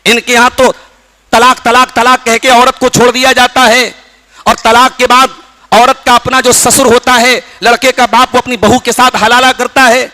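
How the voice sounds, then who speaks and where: A man's voice: very high voice, level tone, sharp tone. A man preaching a sermon as an Islamic preacher, telling stories with passion and reciting Arabic verses. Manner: impassioned storytelling with Arabic recitation. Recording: long hall reverb.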